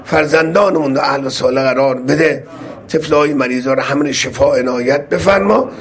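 A male preacher with a gravelly, husky voice, giving a fervent, pleading sermon mixed with prayer that rises into loud cries. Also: medium pitch. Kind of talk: religious sermon with supplication.

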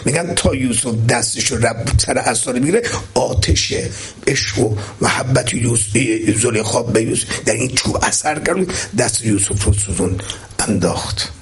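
A man's voice: medium pitch, slightly rough. A male preacher giving an impassioned religious sermon and telling a story, rising to emphatic peaks.

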